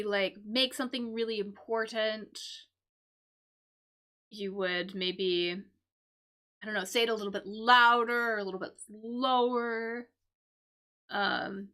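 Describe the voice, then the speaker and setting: A woman hosting a live-stream English lesson, explaining crossword clues slowly with many fillers and repeated "right?". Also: fairly high pitch, a bit bright. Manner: slow, repetitive explaining with frequent fillers and "right?".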